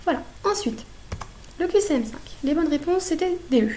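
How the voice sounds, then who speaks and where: A woman's voice: high-pitched, animated, moderate pace, dark tone, a little hiss or hum. A young woman with a French accent correcting exam questions as a student tutor, explaining steadily with memory tricks. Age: young adult.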